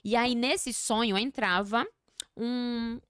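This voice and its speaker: A woman's voice: a little high, fairly even intonation, slow pace, a bit bright, clean tone, no echo, studio quality. A Brazilian woman talking as a podcast guest, telling a personal story expressively, with lots of slang and fillers. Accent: Brazilian Portuguese. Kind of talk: casual chat, personal storytelling.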